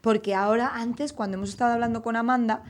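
A woman's voice: fairly high pitch, steady tone, quick pace. Patient teacher woman quizzing young kids. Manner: patient, questioning, repeats children's answers. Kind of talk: classroom lesson with young children.

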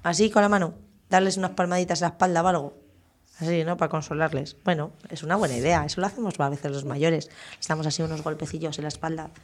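This radio show teacher has a low voice with fairly even intonation and speaks quickly. She patiently coaxes young children on her school program, gently asking many questions.

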